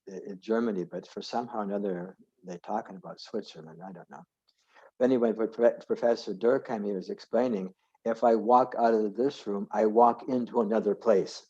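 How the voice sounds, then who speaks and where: A man's voice: lowish voice, dark tone, slightly rough. A man giving an informal scripture class over a video call, rambling and correcting himself as he goes. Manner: rambling, self-correcting, digressive. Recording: dull lo-fi video call audio.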